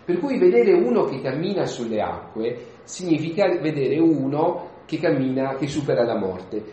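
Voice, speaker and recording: A man giving an informal homily, conversational and lively, acting out the voices of the people in the story. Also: a little high, normal speed, a little hiss or hum. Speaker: preacher. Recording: echoey room.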